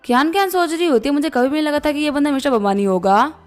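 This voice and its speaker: A woman's voice: high voice, rapid-fire, a little mellow. A woman narrating a story recap, reading every character's lines in her plain voice. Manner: reads all dialogue in her plain voice. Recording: faint background music.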